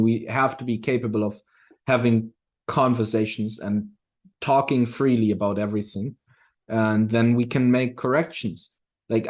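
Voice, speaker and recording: A man with a mid-range voice takes part in a casual discussion, speaking reflectively and haltingly. He often restarts his phrases while working through a thought.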